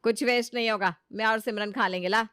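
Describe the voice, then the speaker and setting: Strict mother-in-law, commanding and plain; a woman does the voice, somewhat high. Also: fairly even intonation, quick pace, fairly bright tone, smooth, no room sound, studio quality, lightly acted. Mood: stern. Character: stern middle-aged mother-in-law, household head.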